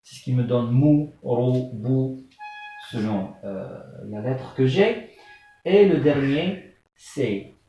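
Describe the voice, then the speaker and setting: This medium-pitched man sounds animated and warm, though the recording is muffled, distant, and off-mic in a very echoey room with faint music behind. He's an Arabic teacher explaining the alphabet to a class in French, patiently and slowly repeating terms, checking understanding, and often saying "euh" and "d'accord?".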